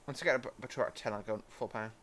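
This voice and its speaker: Talking very fast, a young British gaming host narrates a train-sim let's-play in a medium-pitched, fairly bright voice. He's rambling and chatty, with apologetic asides, and slight background noise is audible.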